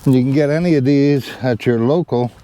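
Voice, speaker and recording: A tree-planting vlogger gives a casual, rambling how-to outdoors, full of fillers and asides to his viewers, caught on a camera mic set down nearby. His mid-range, dark voice moves a little fast with a slight hiss or hum, and he sounds a bit strained as his back tightens up.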